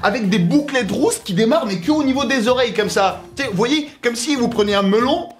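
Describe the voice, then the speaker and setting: A man's voice: very high voice, lively intonation, fairly quick. A young man from Russia with a Russian accent, telling a joking personal story on his vlog with slangy asides. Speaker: YouTuber.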